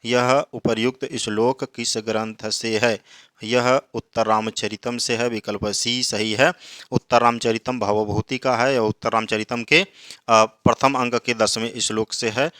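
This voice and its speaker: A man's voice: mid-range voice, a bit bright, clear, resonant tone, no echo, studio quality. A man teaching, reading each exam question and then explaining its answer. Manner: slow drawn-out recitation of verses.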